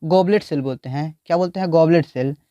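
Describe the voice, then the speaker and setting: A man's voice: on the high side, quick pace, warm tone, smooth, dry recording, highs cut off. A man teaching biology, explaining a diagram and repeatedly asking the class questions.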